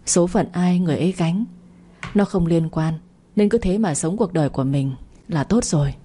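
Woman storyteller, mellow and husky, steady audiobook read. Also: lowish voice. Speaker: narrator.

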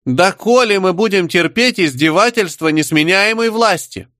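A man voicing a sly, brash young savage girl stirring up a crowd, shrill and cocky. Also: expressive, normal speed, fairly bright tone, dry recording, clean studio sound. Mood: rousing. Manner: shrill, cocky, rabble-rousing.

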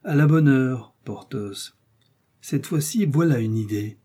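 Man voicing a refined priestly musketeer, measured, careful, husky, dark, storybook. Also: medium pitch, animated.

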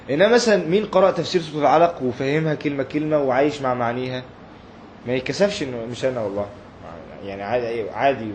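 A man with an Egyptian accent giving an animated religious lecture and acting out short dialogues. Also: on the high side, a little hiss or hum. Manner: animated, acts out little dialogues. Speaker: preacher.

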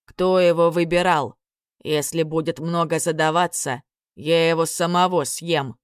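A woman's voice: sits low, steady tone, a little slow, no echo, studio quality. A woman doing a fat greedy troll. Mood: gruff. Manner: gruff, threatening. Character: fat greedy male troll guard, boastful.

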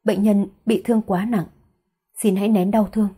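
A woman's voice: medium pitch, fairly even intonation, moderate pace, mellow, slightly rough, natural voice. A woman reading a male surgeon who delivers bad news in a somber, formal way in an audiobook.

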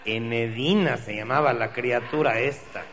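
A man's voice: mid-range voice, moderate pace, fairly bright tone, big-room sound, a little hiss or hum. Male stand-up comic, Mexican accent, profane and wry storyteller. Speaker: comedian.

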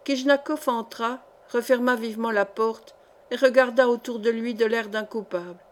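A woman narrates a literary short story in a measured, steady way. Her voice sits a touch high, and the delivery is calm and careful. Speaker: audiobook reader.

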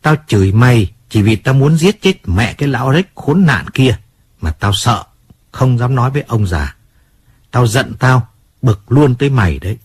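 A man's voice: medium pitch, expressive, normal speed, breathy edge. A man voicing a hot-tempered, self-pitying male singer in an audiobook, swearing and then apologizing. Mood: pleading.

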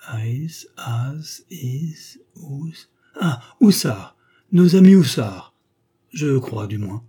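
A man's voice: mid-range voice, unhurried, mellow, slightly rough. A man voicing a flustered, greedy bourgeois husband who stammers and then blusters in annoyance. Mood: hesitant.

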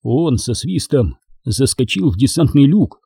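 A man's voice: medium pitch, animated, measured pace, gravelly, warm tone, breathy edge, no echo, studio quality. A man narrating a first-person army story, blunt and slangy, swearing often. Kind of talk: first-person audiobook narration of soldier prose.

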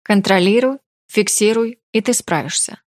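A woman reading the lines of a calm young male mage who coaxes and mentors. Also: medium pitch, normal speed, no room sound, clean studio sound, lightly acted. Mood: coaxing.

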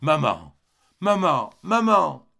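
A frantic young son, his voice jumping high as he cries out and pleads, put on by a male reader. The tone is lively and urgent, with a gravelly edge underneath. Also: slow, full character voice. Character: desperate young man, devoted son pleading.

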